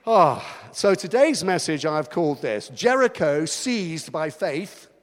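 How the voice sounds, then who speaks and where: A man preaching a sermon as pastor, chatty and self-mocking, in a church hall. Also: fairly high pitch. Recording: long hall reverb.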